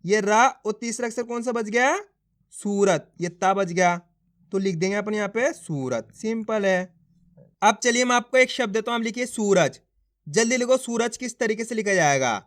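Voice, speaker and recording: A man's voice: high-pitched, expressive, normal speed, fairly bright tone. A man teaching Hindi reading, sounding out words syllable by syllable and quizzing his viewers as friends. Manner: addresses viewers as friends, urging them to try. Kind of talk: slow spelling-out lesson.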